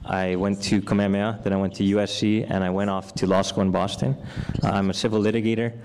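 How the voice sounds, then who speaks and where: A man's voice: fairly low pitch, little pitch movement, fast, darkish tone, a little hiss or hum. A young man from Hawaii speaking earnestly as a candidate at a community forum, eager to present his background. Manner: earnest, eager, self-promoting. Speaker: political candidate. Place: indoor community meeting room.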